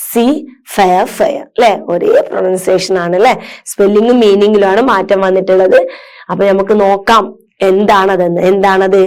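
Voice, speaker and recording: A woman with a Malayali accent teaching a recorded English lesson on homophones. She reads English lines slowly, then explains quickly with tag questions and calls her students children. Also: mid-range voice, a little mellow.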